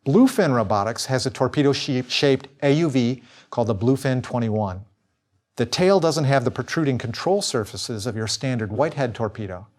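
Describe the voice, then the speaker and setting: Man giving a clear recorded lecture. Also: mid-range voice, lively intonation, moderate pace, darkish tone. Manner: clear explanatory delivery with small self-corrections.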